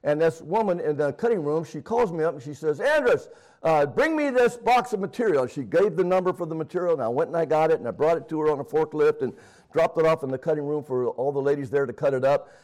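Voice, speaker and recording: A middle-aged man preaching and praying in a homespun way, often pausing on "uh" and restarting his sentences. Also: fairly high pitch, dark tone, low-quality recording. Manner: homespun, fills pauses with "uh", restarts. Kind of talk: folksy sermon with prayer and personal story.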